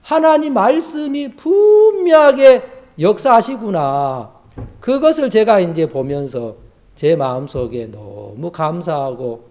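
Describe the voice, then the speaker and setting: A man's voice: fairly high pitch, darkish tone. A man, a missionary preacher, telling a personal testimony in a sermon with emotional storytelling. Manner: emotional storytelling, acts out quoted dialogue.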